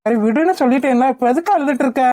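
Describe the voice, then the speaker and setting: A woman's voice: high-pitched, rapid-fire, pitched below the performer's own voice, natural voice. A woman voicing a stern young husband in a cartoon, speaking curtly and scolding. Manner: curt, scolding.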